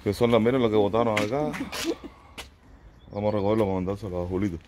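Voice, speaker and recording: Background noise surrounds this fast, steady-toned, lowish male voice. He's a middle-aged vlogger strolling city streets before entering a shop, phone at arm's length, casually chatting with his audience as family while blending German and English.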